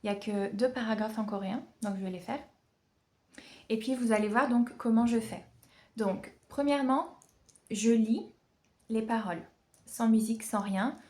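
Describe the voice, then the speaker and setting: A chatty woman with a fairly high voice talks casually to her camera at home. She pokes fun at herself and sounds out each syllable slowly, like a beginner. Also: a little mellow. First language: French. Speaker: language-learning vlogger. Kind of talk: casual vlog.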